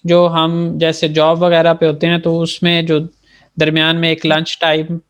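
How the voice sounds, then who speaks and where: Calm man teaching over a video call. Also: on the high side, measured pace, clear, resonant tone. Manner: calm, affirming with frequent hums. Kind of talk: online language lesson.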